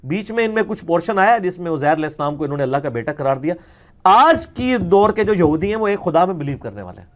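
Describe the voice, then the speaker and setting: His voice sits high and swings widely in pitch. A man with a Pakistani Punjabi accent argues through an informal religious lecture, using everyday language, rhetorical questions, and occasional English words.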